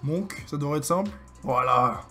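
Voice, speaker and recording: A young man with a French accent commentating his own basketball video game, excitable and joking as he hypes his plays. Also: fairly high pitch, normal speed, faint music behind. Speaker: gaming streamer. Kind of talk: live gameplay commentary.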